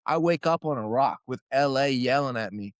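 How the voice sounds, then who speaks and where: A man's voice: medium pitch, moderate pace, no echo, clean studio sound. A young man, a guest fighter, telling a story in a casual interview and acting out his own quotes.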